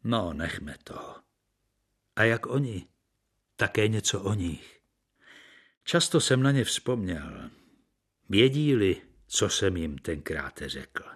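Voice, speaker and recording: A man's voice: lowish voice, sing-song, long pauses, breathy edge. A man reading the part of a bitter, worn-out actor, brooding and earnest, in an audiobook. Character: bitter, worn-out middle-aged male stage actor.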